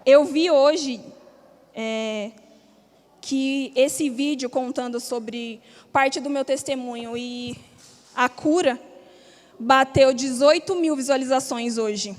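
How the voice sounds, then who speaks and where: A woman's voice: sits high, takes it slowly. A young woman gives her personal testimony in a church hall, telling it in a candid, slangy way. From Brazil. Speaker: church member giving testimony. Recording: long reverb of a church hall.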